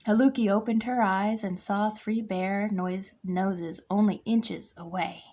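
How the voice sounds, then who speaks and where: A woman's voice: medium pitch, measured pace. A woman reading a children's picture book aloud to a kindergarten class, acting out the character lines. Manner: expressive, acts out character lines. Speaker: guest reader for a kindergarten class.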